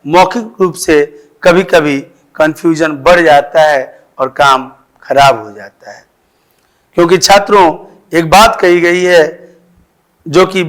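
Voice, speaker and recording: A male teacher explaining grammar to schoolchildren, repeating examples with emphasis. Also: high-pitched.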